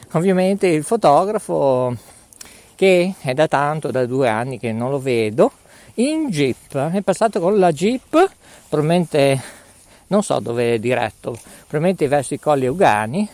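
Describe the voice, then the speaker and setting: A man's voice: on the high side, sing-song, measured pace, darkish tone, no room sound. A middle-aged man hosting a live mobile radio broadcast while walking outdoors through city streets, slightly out of breath. He rambles and jokes, tagging his lines with a questioning "eh?". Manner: rambling, jokey, tags lines with "eh?". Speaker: web radio host.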